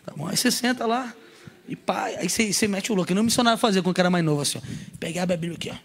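A man, speaking in a notably high voice as he preaches to a church crowd. He is playful and casual, dropping street slang and acting out everyday scenes mid-sermon. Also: rapid-fire. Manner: animated and joking, acts out little scenes. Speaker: pastor. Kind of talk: sermon at a youth church service.

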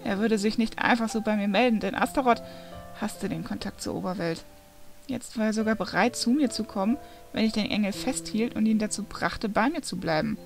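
A woman reading a fantasy novel aloud, narrating in the first person with steady, expressive storytelling. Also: mid-range voice, brisk, vocal fry, soft background music. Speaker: reader.

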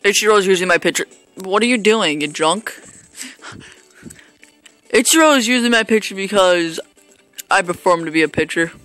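A man talks his way through a baseball video game in loose, hesitant commentary, poking fun at his own play. His voice is bright and sharp, recorded dry and close. Faint music plays underneath. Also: high-pitched, animated, normal speed, long pauses, no room sound. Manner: rambling, self-mocking, hesitant with fillers. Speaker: gameplay commentator. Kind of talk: casual gameplay commentary.

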